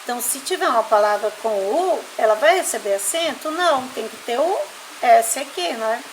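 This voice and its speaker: A Brazilian woman teaching a primary school class, dictating words one by one and explaining slowly and deliberately. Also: fairly high pitch, animated, a little hiss or hum, rough recording. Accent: Brazilian Portuguese. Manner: slow, deliberate word-by-word dictation. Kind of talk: recorded class lesson.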